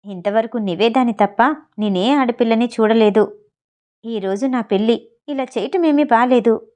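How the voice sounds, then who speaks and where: A woman's voice: a little high, measured pace, a little mellow, lightly acted. A woman voicing a young male groom who pleads earnestly, in a storybook reading. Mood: pleading.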